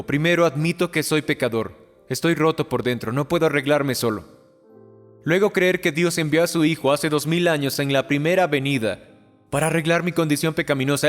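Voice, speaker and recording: A man preaching a sermon and leading an altar call, pleading fervently and repeating phrases for emphasis. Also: fairly high pitch. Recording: reverberant hall with soft music.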